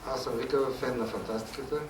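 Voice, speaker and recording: A man interpreting a panel discussion live, with quick phrasing and frequent fillers. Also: mid-range voice, steady tone. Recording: echoey hall, distant mic, background noise.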